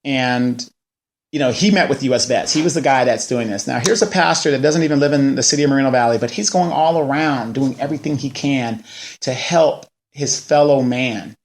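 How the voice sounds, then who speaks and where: A mid-range male voice, a little fast, belongs to a forties-aged local news show host. He rants in casual political commentary, rattling off rhetorical questions.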